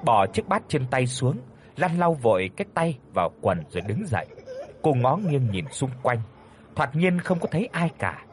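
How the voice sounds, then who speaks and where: A man narrating a ghost story in an expressive, dramatic way. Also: mid-range voice, moderate pace.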